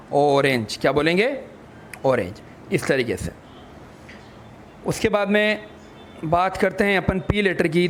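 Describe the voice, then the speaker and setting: A man's voice: high-pitched, slight background noise. A man teaching English letter sounds, spelling words out letter by letter and answering his own questions like a patient teacher. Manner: addresses listeners as children. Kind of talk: classroom phonics lesson.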